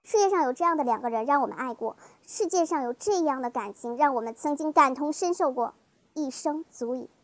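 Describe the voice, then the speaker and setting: High-voiced chatty woman vlogger. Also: lively intonation, brisk, no echo. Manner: chatty, coaxing, keeps asking viewers rhetorical questions. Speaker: fan vlogger. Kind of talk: casual fan commentary talk.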